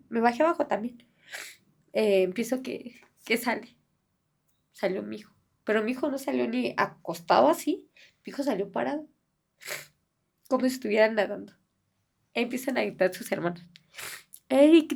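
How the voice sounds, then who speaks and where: A middle-aged woman speaks softly and haltingly, stopping for fillers and starting over. Her voice sits a little high and has a gravelly, creaky edge. She gives a personal testimony as a bereaved mother in an interview. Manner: halting, soft-spoken, many fillers and restarts.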